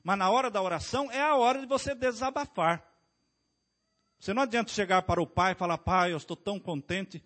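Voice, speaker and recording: A man's voice: very high voice, quick pace, a bit bright. A man preaching as a pastor, asking his congregation rhetorical questions. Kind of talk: sermon.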